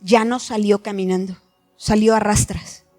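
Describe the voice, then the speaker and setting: A woman's voice: medium pitch, fairly even intonation, a little slow, a little mellow, faint music behind. A middle-aged woman giving an earnest, heartfelt personal testimony at a church meeting.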